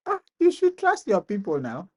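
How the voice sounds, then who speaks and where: A live stream host from Ghana with a Ghanaian accent, chatting casually with a guest, laughing often and teasing gently. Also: mid-range voice, wildly swooping pitch, normal speed.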